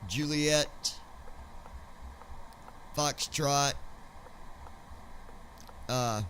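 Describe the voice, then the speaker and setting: A man in casual chat with his viewers while streaming a flight simulator, laid-back and joking, slowing down to spell out codes. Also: a little high, fairly bright tone, a little hiss or hum.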